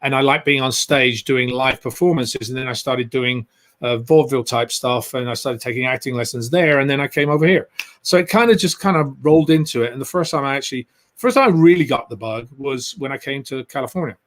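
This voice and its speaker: A man with an English accent, a guest actor telling stories in a relaxed interview, rambling and filling his talk with "you know". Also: medium pitch, brisk. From England.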